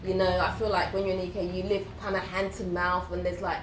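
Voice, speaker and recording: A British woman in her thirties talks openly in an interview, lively and frank, often acting out what others said. Her voice sits a little low, and the room is echoey. Clear background noise runs under her. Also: fast talker. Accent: British English. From United Kingdom. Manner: chatty and candid, acts out what others said. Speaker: guest, YouTuber. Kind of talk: casual interview chat.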